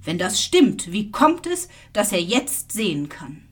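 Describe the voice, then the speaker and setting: A woman voicing stern male religious leaders who question a healed man, in a slow Bible reading. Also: mid-range voice, sing-song, breathy edge, voice pushed down.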